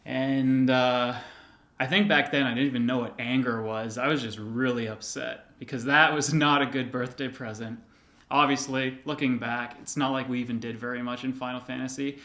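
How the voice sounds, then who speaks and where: A man's voice: medium pitch, moderate pace. Man reminiscing on camera in a roomy space. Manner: relaxed, reminiscing, with light filler words. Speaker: vlogger. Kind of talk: casual personal storytelling to camera. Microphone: camera held by another person. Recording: roomy echoey room sound.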